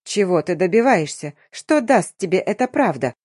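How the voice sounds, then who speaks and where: A woman voicing a scheming, jealous middle-aged stepmother who turns shrill, tearful and defiant, in a dry audiobook reading. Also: very animated, moderate pace, darkish tone, husky, no room sound. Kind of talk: audiobook character voice.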